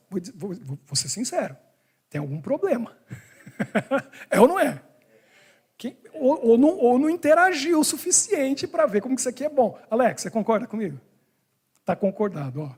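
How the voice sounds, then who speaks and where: A pastor gives a sermon in a Brussels church hall, speaking to his congregation in a direct, conversational style. He has a high voice that's a little mellow with a breathy edge.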